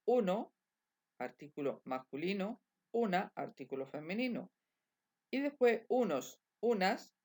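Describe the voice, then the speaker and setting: A woman, teaching English grammar in a slow, repetitive bilingual lesson. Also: mid-range voice. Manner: slow, repetitive drilling of examples.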